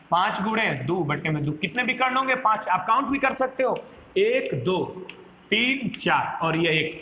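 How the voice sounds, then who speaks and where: A man's voice: extremely high pitch, bright, forceful tone. A male maths teacher with a Bihari Hindi accent, giving a chatty classroom lecture that repeats phrases and asks students questions. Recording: echoey room with faint background noise.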